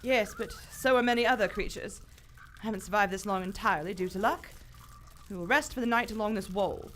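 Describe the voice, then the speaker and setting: An actress playing a bold, unflappable lady adventurer with a brisk, formal, confident manner in a live radio adventure. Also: medium pitch, fairly bright tone, slight background noise, close to an everyday voice. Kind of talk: old-time radio adventure acting, live theater.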